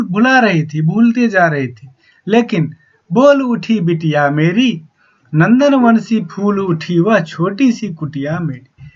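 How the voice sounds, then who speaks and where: A male teacher explaining a poem to young pupils, reading the verses slowly and then explaining them, often adding a questioning "na". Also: on the high side. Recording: dull lo-fi sound.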